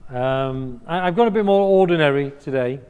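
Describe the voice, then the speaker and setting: Hesitant man, slightly high voice. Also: moderate pace, clear, resonant tone, narrow, tinny audio. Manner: hesitant, lots of ums, understated. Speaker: co-host of a live stream. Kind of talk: casual live-stream chat. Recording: long hall reverb.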